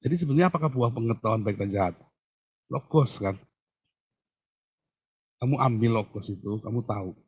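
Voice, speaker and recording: A man's voice: medium pitch, normal speed, pauses often, darkish tone, slightly rough, dry recording. A male pastor answering a Bible question, teaching through emphatic questions he puts to his listener.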